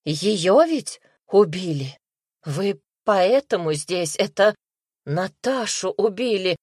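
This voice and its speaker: A woman's voice: medium pitch, lively intonation, slow, darkish tone, breathy edge, no room sound, clean studio sound. A woman reading an audiobook, voicing a frightened young man under suspicion who speaks in a broken, pleading way. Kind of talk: audiobook character voice.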